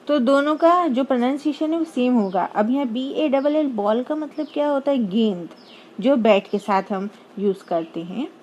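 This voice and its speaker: A woman teacher explaining grammar terms slowly, repeating each term and glossing it in plain words. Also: a little high, mellow, a little hiss or hum, poor audio. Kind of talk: explaining English grammar lesson.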